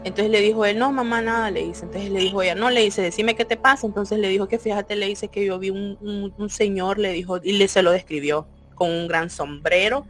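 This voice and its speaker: A woman, co-hosting a podcast and telling a story with lively, acted-out voices. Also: medium pitch. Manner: animated, acts out quoted voices. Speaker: podcast co-host. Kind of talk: casual storytelling.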